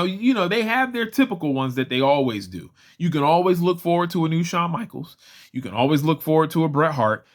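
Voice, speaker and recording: A young man with a slightly high voice talks through a casual toy figure review. He rambles in a chatty way and keeps breaking off to restart his sentences. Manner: chatty, rambling, self-correcting. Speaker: toy collector vlogger.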